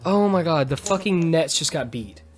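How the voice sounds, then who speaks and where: With a slightly high voice, lively intonation and normal speed, a man hosts a podcast in casual conversation. He rambles along using slang and lots of swearing while music plays behind him.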